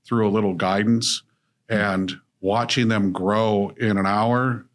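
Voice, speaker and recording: Here a middle-aged author and business coach from Illinois talks steadily and reflectively as a podcast guest. It's a conversational interview, delivered slowly in a fairly low voice with a steady tone.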